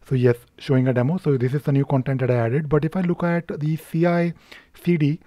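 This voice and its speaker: A man talking through a screen-recording tutorial unscripted, hesitant, pausing often on filler sounds and restarting his sentences as he works. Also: fairly high pitch, level tone, warm tone, dry recording. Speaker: tutorial presenter.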